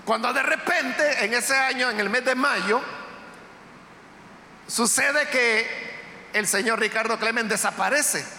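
Pastor guy telling a story in church, really high pitched voice, echoey hall, slow and chatty. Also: sharp tone, slight background noise. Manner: conversational, unhurried retelling of a story. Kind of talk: storytelling sermon. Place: church sanctuary. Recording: echoey hall with long reverb, faint ambience.

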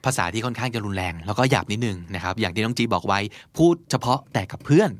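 A man hosting a podcast, explaining English phrases in a casual, animated way and acting out short examples. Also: on the low side, fast talker, no echo. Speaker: podcast host teaching English.

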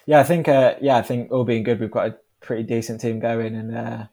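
A man's voice: mid-range voice, level tone, a little fast, dark tone. A British man in his twenties chatting casually as an interview guest, informal and laid-back. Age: 20s. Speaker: podcast guest, professional cyclist. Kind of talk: casual chat.

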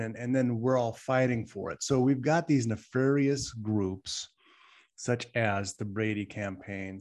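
With a mid-range, darkish voice, this talk-show co-host argues his case forcefully in opinionated casual conversation. Rhetorical questions pile up, and he repeatedly checks in with "right?"

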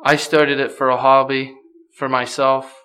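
This podcast guest from Pennsylvania has an easygoing way of chatting, dropping plenty of "you know" fillers into the casual conversation. He speaks a little slowly at medium pitch with flat delivery, his tone pushed, bright and clean.

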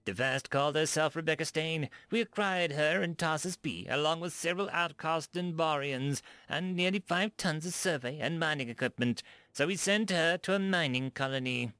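A man voicing a smug, menacing alien male ambassador in a read-aloud sci-fi story, speaking higher and louder than his own voice. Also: normal speed, clean tone, dry recording. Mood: smug accusing.

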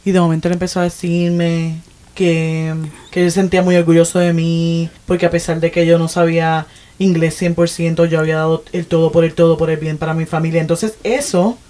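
A woman's voice: fairly low pitch, a little fast. A woman, chatting animatedly as a podcast co-host, often correcting herself mid-sentence. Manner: animated, self-correcting, frequent "o sea". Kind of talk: casual chat.

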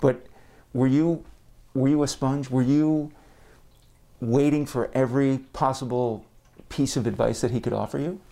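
A man's voice: mid-range voice, fairly even intonation, a little slow, vocal fry, pauses often, dark tone. A man asks questions as a podcast interviewer in a conversational way. His mouth is covered by a face mask, so his words come out muffled, as though spoken behind a hand. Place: in a home, in person.

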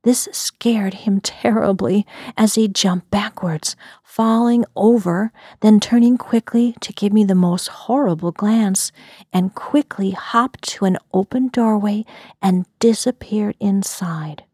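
A woman from the US Midwest telling a story in a soft, breathy whisper. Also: mid-range voice, takes it slowly, no echo, clean studio sound.

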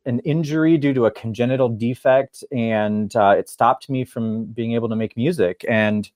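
A man's voice: mid-range voice, moderate pace, a little mellow, no echo, studio quality. Chatty man from Michigan. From Michigan, USA. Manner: chatty, laughs often, acts out quoted voices. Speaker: guest, therapist and musician. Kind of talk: casual storytelling interview.

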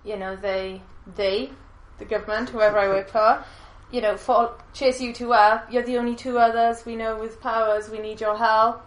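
A woman co-hosting a casual podcast chat, talkative and quick to laugh. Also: fairly high pitch, little pitch movement. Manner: chatty, laughs often. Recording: echoey room.

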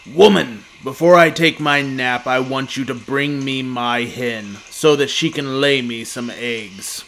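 A greedy storybook giant who barks orders in a booming, bossy voice, played by the storyteller. His voice sits a little lower and louder than the reader's own. Faint hiss is heard in the background. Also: a little slow. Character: huge rude greedy male giant. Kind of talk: storybook character voice.

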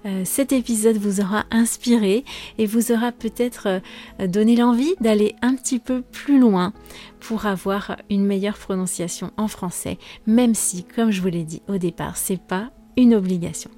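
A woman teaching her language on a podcast, explaining calmly with frequent fillers and pauses. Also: mid-range voice, faint music behind. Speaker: French teacher and podcast host. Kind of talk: podcast lesson monologue.

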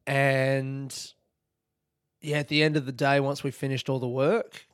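A young Australian man chats on his own, rambling loosely with plenty of swearing and bursts of enthusiasm. His voice is smooth and clear, recorded close and dry with no room sound, and sits at a middling pitch. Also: flat delivery, unhurried, no room sound. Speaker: podcast host. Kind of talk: casual solo chat.

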